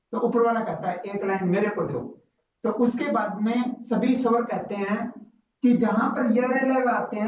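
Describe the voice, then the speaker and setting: A man teaches a grammar lesson, talking slowly and going over each point again and again. He recites letters one at a time. His voice sounds far from the mic in a very echoey room, with a muffled, dull recording. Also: high-pitched, a little hiss or hum. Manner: slow, repetitive explaining, reciting letters one by one. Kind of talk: classroom-style grammar lesson.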